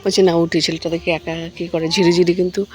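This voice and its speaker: A woman vlogging about her morning at home with a hoarse voice, chatting to viewers and coaxing her young son along. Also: on the low side, level tone, very fast. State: hoarse, worn-down voice. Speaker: vlogger and mother. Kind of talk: casual daily family vlog. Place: at home, partly outdoors on a foggy morning.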